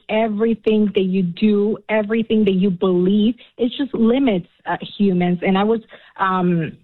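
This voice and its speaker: A woman from Cuba, a radio show guest, talking earnestly and passionately with many fillers. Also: mid-range voice. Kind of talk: radio interview. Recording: tinny phone line.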